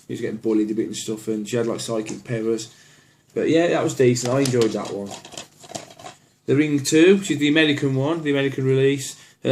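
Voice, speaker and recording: A man's voice: medium pitch, a little mellow. Male collector, easygoing and rambling, frequent fillers and restarts, plain opinions. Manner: rambling, lots of ums and restarts. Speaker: horror film collector. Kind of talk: casual collection walkthrough.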